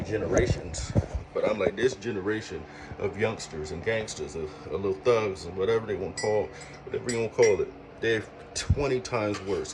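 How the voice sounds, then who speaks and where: Recorded from a distance, a very low-voiced man in his late thirties talks earnestly about life lessons, circling back over his words as he reasons through an idea. Behind him, air conditioning and passing traffic hum steadily and clearly.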